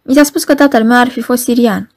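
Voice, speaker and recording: A woman reading the lines of a gentle, timid young prisoner who answers in a hurried, shy way. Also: a little high, natural voice.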